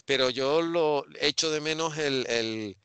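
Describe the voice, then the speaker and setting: A middle-aged man from Spain with a bright, crisp voice, speaking over a headset on a video call. He picks his way through his thoughts with restarts and small hesitations. The sound is dry and close. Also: fairly high pitch, slow pace, no echo. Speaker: interviewer. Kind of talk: casual video-call interview. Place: home room with bookshelves.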